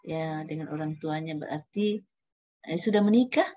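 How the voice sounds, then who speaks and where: A woman's voice: sits low, normal speed, warm tone, lo-fi sound. Chatty woman mentor, tagging sentences. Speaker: training mentor. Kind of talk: online guidance session. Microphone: camera at a computer.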